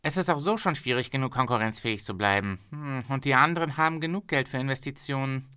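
A man voicing a greedy, fretful factory owner in an audiobook reading, with a strained, excitable tone. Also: medium pitch, quick pace, smooth, no echo, voice pushed up, close to an everyday voice. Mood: scheming.

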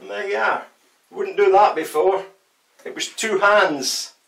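His voice sits high, a bit bright and creaky, moving at a measured pace: an older DIY presenter giving a chatty, wry how-to and joking at his own expense. The setting is a small tiled indoor bathroom shower, heard through a distant microphone with a roomy echo.

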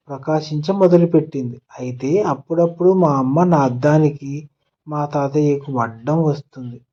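A man narrating a children's moral story in a gentle storybook manner. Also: on the high side, highs cut off. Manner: gentle storybook telling, voicing characters' lines in turn.

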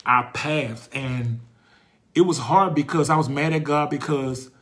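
This is a passionate, sermon-like host in his forties leading a faith discussion. He echoes phrases for emphasis and hesitates to find words when he grows reflective, all at a medium pitch with a slightly bright quality.

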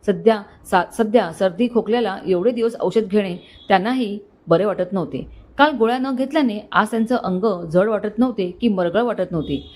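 Woman storyteller, steady measured reading. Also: medium pitch. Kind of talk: scripted story narration.

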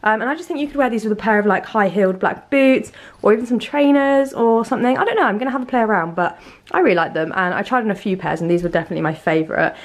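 Sitting indoors in her bedroom, a young vlogger with a cold-roughened, slightly hoarse throat chats to a handheld camera at arm's length or via a mirror. She talks fast in a mid-range voice, peppering her speech with "um" and "like."

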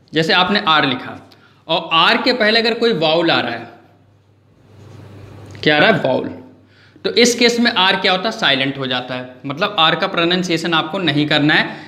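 A male teacher gives a classroom grammar lesson in a slow, deliberate way, switching between Hindi and English. His voice is high and bright. The room is echoey around him. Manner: asks and answers his own questions, mixing Hindi and English.

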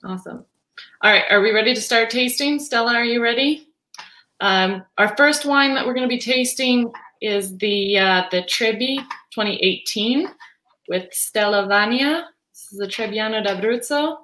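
A woman in her thirties hosting a live wine tasting on a video call, moderating in an upbeat, brisk way. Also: fairly high pitch, sharp tone, roomy sound, rough recording. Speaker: host sommelier.

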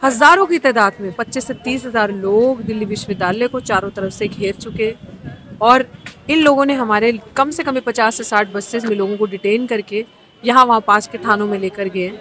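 A man's voice: sits high, pushed and bright, low-quality recording. Male activist, rousing declamatory address, outdoors by a police station. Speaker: activist reporting from a protest. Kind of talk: on-the-spot address to supporters.

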